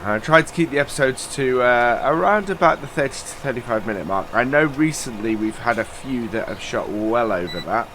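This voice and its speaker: A man's voice: mid-range voice, animated, fairly quick, few pauses, a bit bright, slight background noise. A man with a nasal, stuffed-up voice from a cold, rambling through casual let's-play commentary with lots of fillers. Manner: chatty, rambling, many uh fillers. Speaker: gaming channel host.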